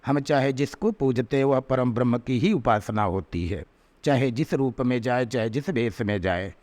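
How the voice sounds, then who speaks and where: A man giving a devotional sermon, telling a story and slowing down to recite verses, with emphatic rising peaks. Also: mid-range voice, darkish tone. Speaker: spiritual preacher. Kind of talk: Hindi devotional discourse with storytelling.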